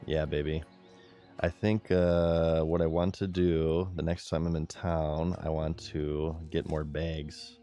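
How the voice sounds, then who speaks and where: Over faint background music, a man with a very low, deep voice chats slowly and casually with viewers while playing on a game stream. He's giggly and laid-back throughout.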